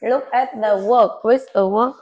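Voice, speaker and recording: A woman English teacher with a Vietnamese accent, giving an oral speaking test in a classroom with brisk short prompts and corrections. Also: a little high, steady tone, a little mellow, dull audio. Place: classroom, off camera.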